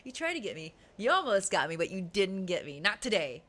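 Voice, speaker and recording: A woman game streamer chatting casually with her live audience, giggly and animated, laughing often. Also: medium pitch, a little fast.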